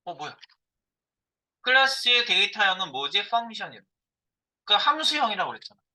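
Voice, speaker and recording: Lively, bright-voiced man teaching code. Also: high-pitched, normal speed, low-quality recording. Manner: thinks aloud while typing code, asks and answers his own questions. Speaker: programming instructor. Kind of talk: live coding lecture.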